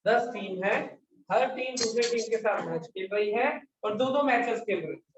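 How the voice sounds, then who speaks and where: A man teaches math to a class in a high voice, repeating each question and pushing his students to answer. He sounds distant from the mic in an echoey room, and the recording is dull and lo-fi. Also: moderate pace, noisy background. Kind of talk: classroom lecture.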